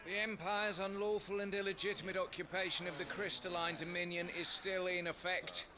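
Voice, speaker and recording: A man's voice: high-pitched, level tone, a little fast, noisy background, lightly acted. An actor voicing a male soldier in a video game, making a formal proclamation. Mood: stern. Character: male soldier reading a border decree. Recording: game audio with loud crowd.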